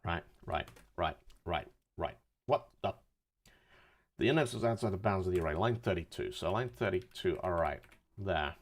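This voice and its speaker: Low-voiced man in his forties coding live. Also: lively intonation, normal speed. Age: 40s. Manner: thinks aloud while debugging, drops dad jokes. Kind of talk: casual live-coding stream.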